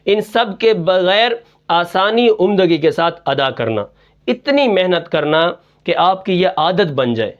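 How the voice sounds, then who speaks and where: High-voiced man teaching recitation rules. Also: big pitch swings, highs cut off. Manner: asks and answers his own questions, drops low on the answer; breaks into slow, drawn-out Quran recitation to demonstrate. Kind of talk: tajweed lesson in Urdu.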